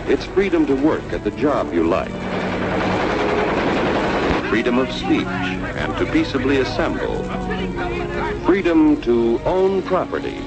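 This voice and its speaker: Animated male narrator over music. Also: mid-range voice, rough recording. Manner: declamatory, measured phrasing. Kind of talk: vintage scripted cartoon narration.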